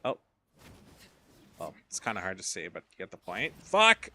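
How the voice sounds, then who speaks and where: Low, bright, and forceful with a breathy edge, a man streams a game at a moderate pace. He rambles and curses casually, with drowsy asides as he gets tired.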